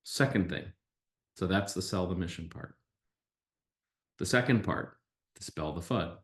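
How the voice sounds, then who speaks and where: Podcast host, male, low voice, emphatic opinionated explainer who poses his own questions, recorded in an echoey room. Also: measured pace. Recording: roomy, echoey sound.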